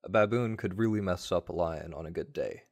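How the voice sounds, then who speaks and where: A low-voiced man narrates a dramatic first-person story for an audio production. He speaks in a measured, wry way, much like a radio play.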